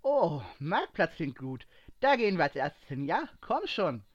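A man's voice: fairly high pitch, big pitch swings, brisk, highs cut off. A man reading a story aloud and voicing a brash, cheeky young woman who captains a pirate crew, blunt and stubborn. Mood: excited.

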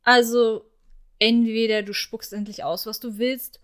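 A woman's voice: fairly high pitch, little pitch movement, unhurried, a bit bright, clear, resonant tone. A woman voicing a sarcastic young wizard man with a scratchy throat, speaking in a theatrical, mocking drawl.

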